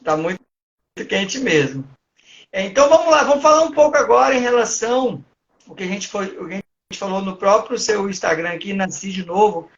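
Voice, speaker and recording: A man's voice: high voice, lively intonation, brisk, vocal fry, a bit bright. A man interviewing a guest in a casual, prompting way. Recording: dull lo-fi recording.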